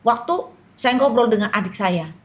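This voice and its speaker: A woman's voice: a little high, expressive, normal speed. A middle-aged woman giving an earnest personal testimony, telling her story and acting out what others said. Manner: earnest, storytelling, quotes others in acted voices. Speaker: guest sharing a personal testimony.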